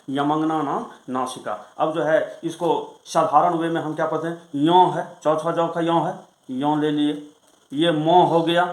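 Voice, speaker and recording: A male Sanskrit grammar teacher explaining rules in a lesson, reciting them slowly and then asking and answering his own questions. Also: a little high, roomy sound, rough recording. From Bihar, India.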